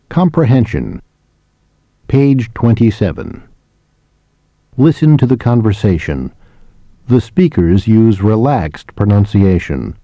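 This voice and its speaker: Guy reading course instructions, kinda low voice, bouncy intonation, dry dull recording. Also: dark tone, dry recording. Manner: slow, measured reading of instructions. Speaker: course narrator. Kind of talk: scripted instructional narration.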